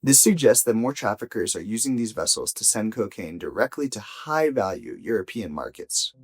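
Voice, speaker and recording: In a fairly low but very animated voice, a man reads a scripted audio news investigation as a journalist. His phrasing is measured and deliberate, punctuated by emphatic pauses.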